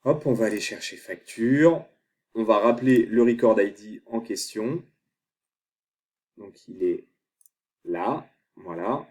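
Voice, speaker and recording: A man explaining a software tutorial step by step, thinking aloud as he clicks through screens. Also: lowish voice, slow pace, pauses often. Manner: thinks aloud while clicking, many fillers. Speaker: online tutor.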